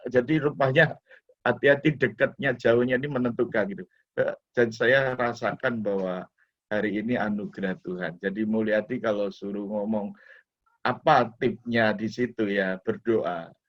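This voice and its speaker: A middle-aged man, a pastor, tells a personal testimony to his congregation, speaking to them as brothers and sisters. His voice sits at an ordinary male pitch. It comes through a video call and sounds dull and lo-fi. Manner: storytelling, often addresses listeners as brothers and sisters. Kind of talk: sharing a personal testimony in a church talk.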